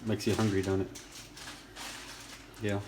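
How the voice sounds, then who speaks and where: A man's voice: fairly low pitch, little pitch movement, measured pace. A man in casual family banter, teasing and playful while baking in a home kitchen. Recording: echoey room with loud noise.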